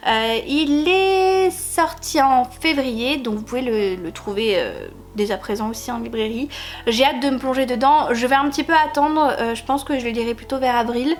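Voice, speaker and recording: A woman's voice: high-pitched, normal speed. A woman chatting casually about books she bought, hesitating often and laughing now and then. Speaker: book vlogger. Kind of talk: casual book haul chat.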